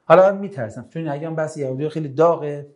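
Animated, fairly high-voiced male religious lecturer. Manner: animated, rhetorical questions, acts out exchanges. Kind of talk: lecture with audience questions.

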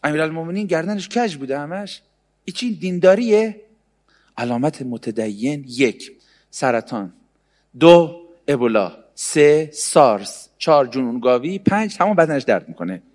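A man giving a humorous sermon, sarcastic, swinging between loud and hushed delivery. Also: on the high side, expressive, in a large hall. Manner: sarcastic, mimics others in mocking voices. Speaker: religious speaker.

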